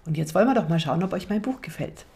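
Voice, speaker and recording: A woman reading her own children's book aloud, speaking straight to young listeners. Her voice sits fairly low, with a gentle storytelling lilt. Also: lively intonation, quick pace, vocal fry.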